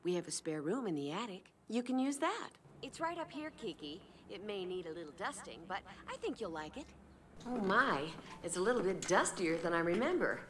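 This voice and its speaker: A young woman voicing a friendly, motherly, pregnant baker in an animated film, chatty and welcoming. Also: mid-range voice, a little fast, a little hiss or hum, close to an everyday voice.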